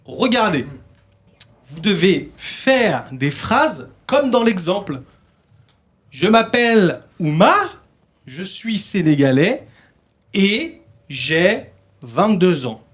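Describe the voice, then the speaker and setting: A man's voice: high voice, very animated, takes it slowly, pauses often, a bit bright. A man teaching a beginner French class, repeating key points and explaining in Spanish to his students in a classroom.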